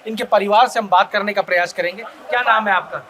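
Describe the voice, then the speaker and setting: A male news reporter at a police station, interviewing a grieving family and repeating their answers back in brisk questions. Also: sits high, steady tone, a bit bright. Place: outdoors by a police station, crowd around. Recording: crowd noise at a protest.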